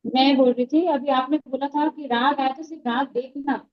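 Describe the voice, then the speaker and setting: High-voiced woman caller, muffled lo-fi line. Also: fairly even intonation, moderate pace. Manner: hesitant, full of restarts and fillers. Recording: muffled lo-fi call audio.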